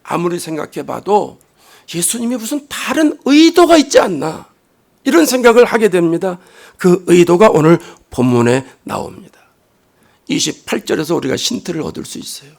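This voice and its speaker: A man preaching a sermon as a pastor in a church, swinging between loud emphatic rises and quiet low asides. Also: sing-song, normal speed, gravelly. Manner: acts out quoted lines dramatically. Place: church sanctuary.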